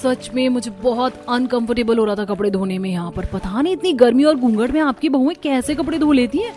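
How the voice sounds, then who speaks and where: A woman's voice: on the high side, a little fast, dark tone, natural voice. A woman voicing an outspoken young daughter-in-law from the city in a cartoon, frank and persuasive. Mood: uneasy. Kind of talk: cartoon dubbing.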